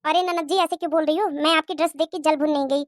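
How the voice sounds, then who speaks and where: Young cartoon daughter-in-law , voiced by a woman, defiant and outspoken. High voice, dry close recording. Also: steady tone, quick pace, no room sound. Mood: defiant arguing. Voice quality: indignant, argumentative. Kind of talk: Hindi cartoon moral-story voice acting.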